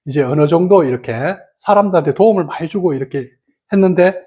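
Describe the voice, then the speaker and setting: A meditation teacher telling a story in a dharma talk, animated and full of fillers. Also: fast talker. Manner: animated storytelling, many fillers, sudden pitch leaps.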